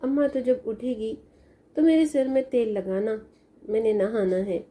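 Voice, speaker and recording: A sad young woman in a spoken storybook pleads and mourns in a soft, plaintive voice, done by a woman reader. The tone is very mellow and dark, yet a little high in pitch. She sounds worn out and lonely. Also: steady tone, a little slow, lightly acted. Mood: sorrowful.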